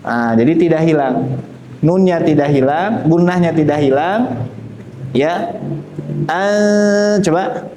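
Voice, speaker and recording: A man's voice: a little high, slow, warm tone, slight background noise. A man teaching Quran recitation, patiently explaining and modelling sounds for students to repeat. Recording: echoey room.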